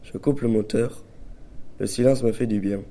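A man voicing a weary farmer father who tells his day in the first person, his voice gravelly and very dark. He sounds low and brooding, preoccupied and short-tempered beneath the calm. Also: normal speed, natural voice. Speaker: narrator of a farmer character. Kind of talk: first-person dramatic reading.

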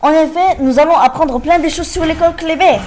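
A woman's voice: sits high, brisk, a little mellow. A woman presenting a scripted school radio quiz as its host. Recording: very noisy amateur recording.

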